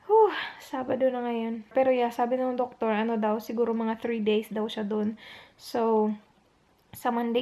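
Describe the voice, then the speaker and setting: In a casual storytelling vlog, a young woman recounts her long night from home, alone after dark, sounding upset and near tears. She's chatty, quotes what others said, and blends English into Tagalog, her voice slightly high, gravelly and mellow.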